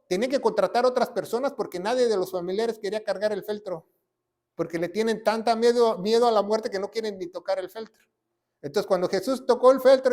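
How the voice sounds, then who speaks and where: A man preaches a sermon in a notably high voice. He tags his points with rhetorical questions and lifts into sudden loud emphasis. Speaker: pastor.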